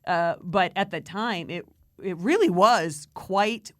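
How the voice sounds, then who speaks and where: A woman co-hosting a horror movie podcast, chatting casually with lots of restarts and animated swings. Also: on the low side, slow pace, dry recording, studio quality. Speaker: podcast co-host. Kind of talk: casual chat.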